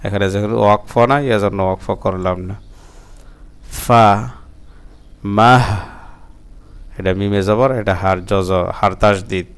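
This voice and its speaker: A man's voice: fairly low pitch, level tone, fairly quick, few pauses, clean tone. A man teaching Quran reading, explaining plainly to the learner and sounding out Arabic syllables one at a time before chanting them drawn out.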